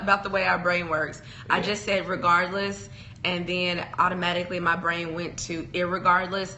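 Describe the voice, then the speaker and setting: A woman's voice: on the low side, sharp tone, poor audio. A woman co-hosting a podcast, chatting casually in a rambling, self-deprecating way. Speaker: podcast co-host. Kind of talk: casual chat.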